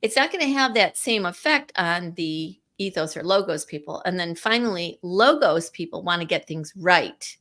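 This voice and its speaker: Woman cohost, kinda low voice, lively chatty, acts out little quotes. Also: normal speed, few pauses. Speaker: co-host. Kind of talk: conversational podcast talk.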